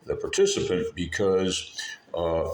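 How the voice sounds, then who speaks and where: A man hosting an informal drawing lesson, talking in a halting, meandering way and often rephrasing mid-sentence. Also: low voice, steady tone. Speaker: art lesson video host. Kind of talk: rambling informal drawing tutorial talk. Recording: echoey room with faint background noise.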